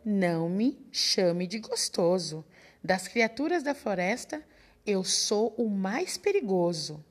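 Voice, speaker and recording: A woman plays a clever little male mouse from a storybook, bold and cheeky, his voice rising and falling with lively swings. He talks slowly and carefully, sounding a touch higher than an everyday voice. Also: faint music behind. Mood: boastful.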